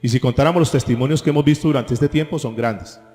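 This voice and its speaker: Preaching pastor, echoey hall. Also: male voice, medium pitch, fast talker, dark tone. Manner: preaching with rhetorical questions to the congregation. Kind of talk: sermon. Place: church hall. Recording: echoey church hall with faint music.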